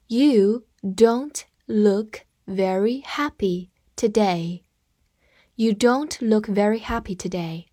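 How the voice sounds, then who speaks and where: A woman teaching English vocabulary, who spells each word letter by letter and reads the example sentences slowly. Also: mid-range voice, a little mellow, no echo, clean studio sound. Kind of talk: vocabulary lesson.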